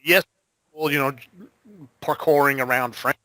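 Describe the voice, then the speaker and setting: A man's voice: mid-range voice, steady tone, measured pace, sharp tone, dry recording, poor audio. A man co-hosting a casual podcast chat, talking bluntly over a remote mic that keeps cutting in and out. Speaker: podcast co-host.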